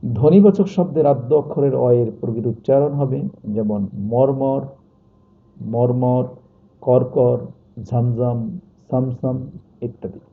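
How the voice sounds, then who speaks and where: A male teacher giving a pronunciation lesson, slowly dictating and repeating example words. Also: medium pitch. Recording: tinny phone-like sound.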